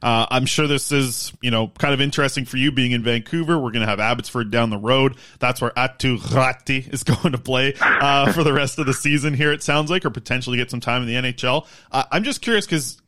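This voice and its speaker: A man with an average-pitched voice hosts a sports podcast. He interviews in a casual, chatty way. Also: a little fast, few pauses, bright, forceful tone.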